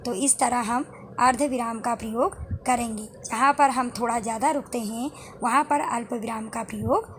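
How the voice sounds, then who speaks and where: A woman with a somewhat high voice reads through a grammar lesson. She lingers on each example, spacing out the words so students can follow. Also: steady tone, fairly bright tone, a little hiss or hum. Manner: slow, deliberate reading of examples. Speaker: teacher.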